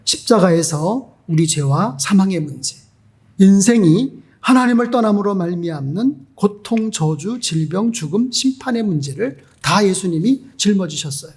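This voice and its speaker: A male pastor delivers a Sunday sermon with a high-pitched, slightly husky voice. He preaches emphatically and keeps turning to the congregation with rhetorical questions. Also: expressive, normal speed, a little mellow.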